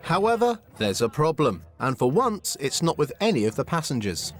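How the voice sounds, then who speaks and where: A man's voice: a little high, sing-song, moderate pace. A man narrating a reality show in a wry, scripted way.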